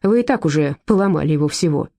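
Calm firm man, read by a woman narrator, steady and sure, in a mellow audiobook voice. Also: deep voice, fast.

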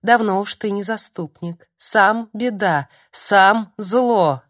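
A woman's voice: mid-range voice, slow, a bit bright, no room sound, studio quality. A woman voicing a strange young village madwoman who murmurs tender, uncanny prophecies in a singsong way. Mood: eerie.

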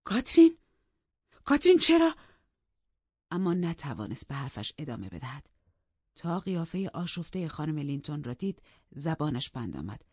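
Calm woman audiobook narrator. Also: sits low, breathy edge, no room sound, lo-fi sound. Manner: calm, measured storytelling. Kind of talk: scripted narration.

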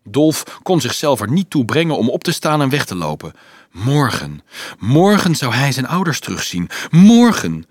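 A man reading a novel aloud in a calm, measured narration. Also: mid-range voice, breathy edge, no echo, clean studio sound. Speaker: audiobook narrator. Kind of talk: scripted narration.

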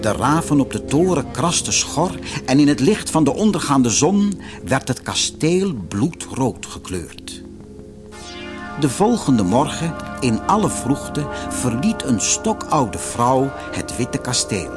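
Male audiobook narrator, fairy tale, very lively pitch, faint music behind. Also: slow. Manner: expressive, theatrical storytelling.

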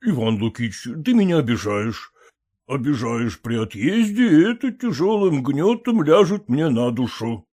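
A sentimental aging nobleman, pleading and tearful, warm dark tone, slow, lively. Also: medium pitch. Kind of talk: audiobook character reading.

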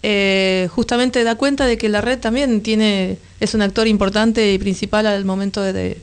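A woman's voice: medium pitch, fairly even intonation, normal speed, clean tone. An Argentine woman co-hosting a conversational radio show, repeating words for emphasis. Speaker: radio co-host.

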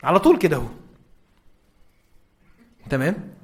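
A man's voice: fairly high pitch, wildly swooping pitch, moderate pace, darkish tone. A man with an Egyptian accent giving an informal religious lecture, checking in with his listeners often. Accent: Egyptian Arabic.

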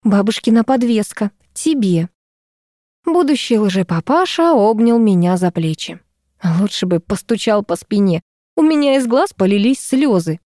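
A woman narrating a first-person audiobook in a lively, wry storytelling manner. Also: mid-range voice, normal speed, no echo, studio quality.

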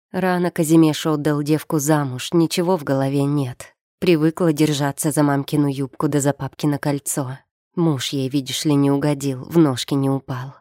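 A woman narrating an audiobook with measured, expressive storytelling. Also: deep voice, no room sound, studio quality. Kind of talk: scripted narration.

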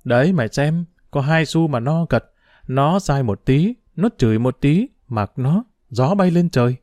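A man's voice: fairly high pitch, lively intonation, darkish tone, dry recording. A man doing a cheeky, boastful street urchin boy. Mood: cocky. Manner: boastful, quick, teasing. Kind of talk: audiobook character voice.

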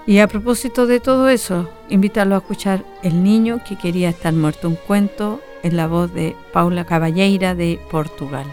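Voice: medium pitch, moderate pace, few pauses. Conversational radio host, faint music. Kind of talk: radio interview.

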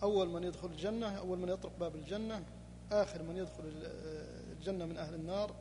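A man's voice: high-pitched, fast talker. A man commenting as a teacher on a hadith reading, in short explanatory asides. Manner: brief explanatory asides, trailing off at times. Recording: echoey hall with audible hum.

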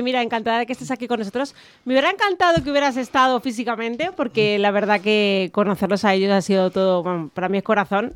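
A woman from La Mancha speaking as an interview guest, chatty and warm, with many fillers and restarts. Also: medium pitch, no room sound. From La Mancha, Spain. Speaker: guest, podcast creator. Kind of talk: casual interview talk.

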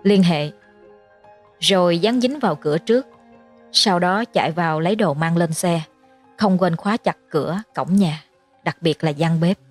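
A woman narrating a horror story in a measured storytelling manner. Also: on the low side, slightly rough. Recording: faint music underneath.

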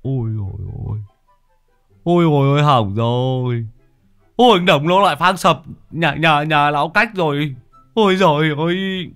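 A man's voice: a little high, animated, normal speed, fairly bright tone, smooth, soft background music, voice pushed up. A man voicing an alarmed village man exclaiming in dismay.

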